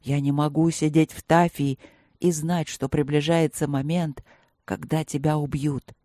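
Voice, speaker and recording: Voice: medium pitch, a little slow, no room sound, clean studio sound, close to an everyday voice. A reader voicing a proud young warrior tiger who speaks curtly and heavily. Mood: fierce. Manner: flat and heavy, curt.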